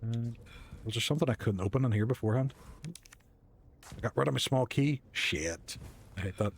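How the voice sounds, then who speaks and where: A man's voice: medium pitch, fairly quick, gravelly, husky. A man casually commentating a game playthrough, rambling and talking to himself and his viewers. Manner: chatty, rambling, talks to himself and chat. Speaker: gamer streaming a playthrough.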